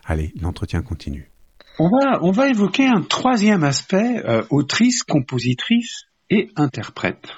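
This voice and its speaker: Lively-pitched male radio interviewer. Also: unhurried, breathy edge. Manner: enthusiastic, hesitant with restarts. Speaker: radio host. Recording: dull lo-fi radio sound.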